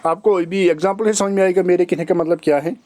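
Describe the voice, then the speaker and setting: A man teaching English grammar in a recorded lecture. He reads the rules slowly, almost like dictation, then explains them quickly with examples. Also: high-pitched, fairly even intonation, mellow.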